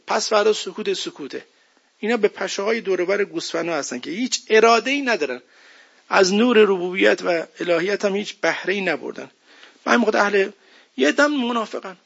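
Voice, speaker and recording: Gravelly-voiced man preaching a sermon. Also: sits high, a bit bright. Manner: emphatic, conversational preaching with rhetorical questions. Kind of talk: religious sermon. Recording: dull lo-fi recording.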